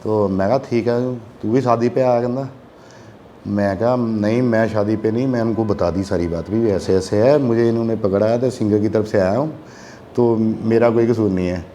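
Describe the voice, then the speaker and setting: A man's voice: on the low side, moderate pace, a little hiss or hum. A young man telling a long story in a casual chat, acting out the voices of the people in it. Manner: animated, acts out voices in quotes. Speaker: guest musician.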